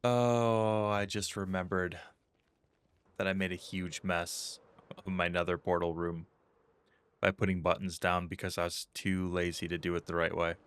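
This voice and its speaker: A man's voice: low-pitched, little pitch movement, moderate pace, a bit bright, clear, resonant tone. A man giving casual gameplay commentary, chatty and self-mocking, with jokey asides to his viewers. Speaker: gaming YouTuber.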